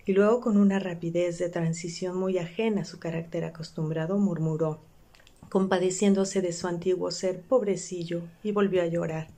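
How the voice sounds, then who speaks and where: A woman narrating a classic story as part of a group reading, steady with small slips. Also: fairly low pitch, moderate pace. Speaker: volunteer reader. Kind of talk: audiobook narration.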